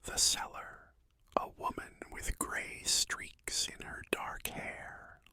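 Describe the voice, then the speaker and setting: A storyteller narrating an ASMR bedtime story in a hushed, soothing whisper, pausing often between phrases. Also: dry recording. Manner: slow, hushed, soothing delivery with pauses.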